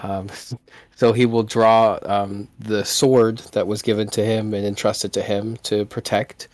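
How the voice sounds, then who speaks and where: A man playing a tabletop game, describing his character's actions in a hesitant way with many pauses. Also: lowish voice, flat delivery, darkish tone, dry recording. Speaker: player.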